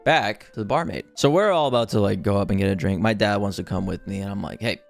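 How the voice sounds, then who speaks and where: A man's voice: on the low side, fast talker, vocal fry. Young man casually telling a story over music. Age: 20s. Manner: conversational, slangy, acts out quoted dialogue. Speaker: streamer telling a story to live chat. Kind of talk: casual animated storytelling to a chat.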